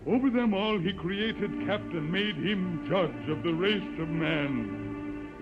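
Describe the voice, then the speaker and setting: A man's voice: high-pitched, lively intonation, slow pace. An actor playing a pompous, menacing old holy man aboard a starship, speaking in solemn liturgical declamation in a vintage science-fiction radio drama. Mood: solemn chanting. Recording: muffled old radio recording, music behind.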